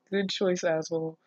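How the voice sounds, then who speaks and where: A slightly mellow, medium-pitched voice reads fan fiction aloud as a casual reaction, cutting in with mocking, incredulous commentary full of swearing and sarcasm. The recording is dry and muffled.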